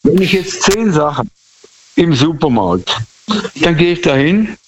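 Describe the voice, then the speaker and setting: A man's voice: fairly high pitch, big pitch swings, a little slow. A man calling a radio show and telling everyday anecdotes in casual talk. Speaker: radio phone-in caller. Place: on the phone. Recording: dull phone line.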